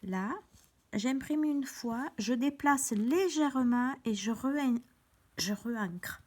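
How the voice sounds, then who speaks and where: A woman's voice: on the high side, slow, darkish tone. A woman giving a chatty step-by-step card-making lesson at her craft table. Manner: chatty, step-by-step, with small restarts. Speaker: craft teacher.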